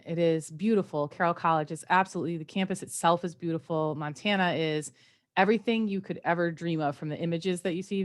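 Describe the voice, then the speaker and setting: Lady presenter on a video call, upbeat and chatty, lowish voice. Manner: friendly, chatty, enthusiastic. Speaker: conference presenter. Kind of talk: casual conference presentation.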